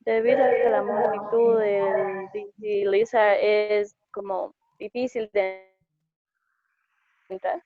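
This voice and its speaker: A woman student giving slow, careful translations in class. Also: mid-range voice, fairly even intonation, phone-quality sound.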